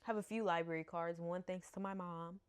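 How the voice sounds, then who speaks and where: Her voice is on the low side, clear and resonant, with a steady tone and moderate pace. She's a woman in her thirties from the United States, a book vlogger chatting casually at home into a camera mic, often laughing and stumbling over names.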